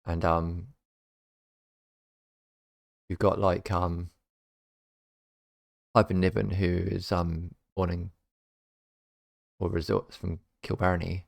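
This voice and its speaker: A man's voice: low voice, little pitch movement, takes it slowly, gravelly, pauses often, no room sound, studio quality. A man hosting a reaction video, talking casually in a rambling, hesitant way with many fillers.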